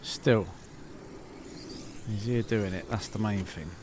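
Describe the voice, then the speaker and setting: A man with a lowish voice talks informally while filming a remote control car race outdoors. His camera mic picks up the noise of the cars and the track around him, so the sound is rough and busy. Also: slow. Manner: chatty, informal, thinking aloud while filming. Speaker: RC channel host at a race track. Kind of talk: casual vlog commentary. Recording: noisy outdoor camera audio. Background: RC cars and track ambience.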